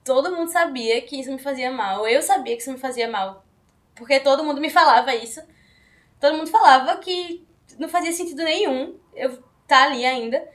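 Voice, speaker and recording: A young woman with a high voice speaks emphatically and insistently about her own experience. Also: a little fast. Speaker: interviewee. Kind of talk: personal testimony.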